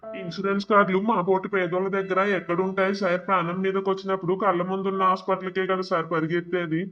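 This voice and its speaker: A man's voice: high-pitched, little pitch movement, fast, dull audio, close to an everyday voice. A man playing Shekhar, a desperate devoted village husband. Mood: pleading. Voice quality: pleading, emotional.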